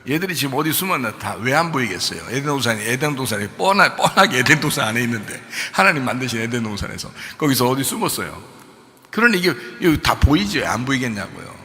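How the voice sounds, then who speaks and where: Male pastor, animated sermon delivery, very bright tone, long hall reverb. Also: mid-range voice. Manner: animated, acts out voices of adults and God. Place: church sanctuary.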